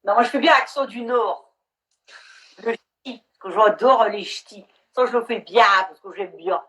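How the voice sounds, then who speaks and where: A middle-aged actress hosting a casual live stream, talking frankly and swearing now and then over a video call. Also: female voice, a little high, measured pace, a bit bright.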